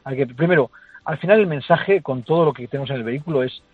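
Road safety expert on a tinny phone line. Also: male voice, mid-range voice, fast talker, husky, no room sound. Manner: assured, explanatory, addresses listeners directly. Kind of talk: radio interview on a phone line. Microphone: telephone.

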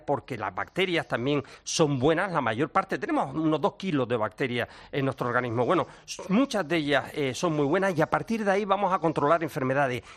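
A man's voice: a little high, a bit bright. Enthusiastic man explaining medicine. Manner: enthusiastic explainer, laughs often. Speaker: medical expert guest. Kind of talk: explaining science on a radio talk show.

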